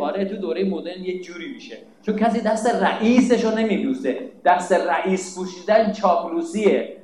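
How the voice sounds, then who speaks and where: Man preaching a sermon, high voice, emphatic and scolding, echoey room, faint background hum. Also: warm tone. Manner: emphatic, scolding, rhetorical questions. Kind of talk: religious sermon.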